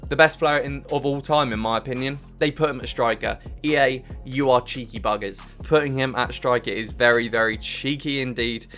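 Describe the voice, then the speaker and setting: A man's voice: mid-range voice, fairly even intonation, normal speed, hardly any pauses, fairly bright tone. A young man giving enthusiastic, emphatic commentary as a gaming YouTuber ranking cards on a tier list. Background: faint background music.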